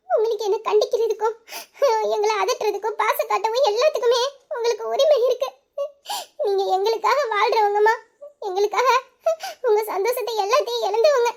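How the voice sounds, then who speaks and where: A young grown daughter in a family drama, voiced by a woman, earnest and full of affection. She talks in a sincere, apologetic way. Her voice is very high. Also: dark tone. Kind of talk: emotional family drama acting.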